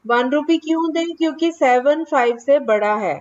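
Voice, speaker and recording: Middle-aged woman, high voice, math teacher on a dull lo-fi online call, chiding kids by name. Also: moderate pace. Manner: lively, coaxing, scolds students by name. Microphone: online class mic. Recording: dull lo-fi online class audio.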